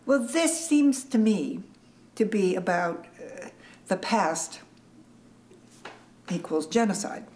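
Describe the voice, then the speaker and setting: A woman speaking slowly and deliberately in an interview. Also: medium pitch, very animated, a little mellow. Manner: slow and deliberate. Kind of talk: reflective interview.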